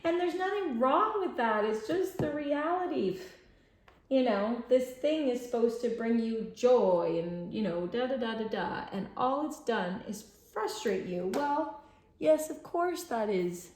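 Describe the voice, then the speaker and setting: A woman's voice: on the high side, lively intonation, unhurried, a little mellow, reverberant. A tired woman hosting a puzzle channel from home, chatting unscripted and rambling with lots of fillers, sometimes dropping to mutters as she works. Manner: drops to mutters and whispers while working the puzzle. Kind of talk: unscripted chat while doing a puzzle.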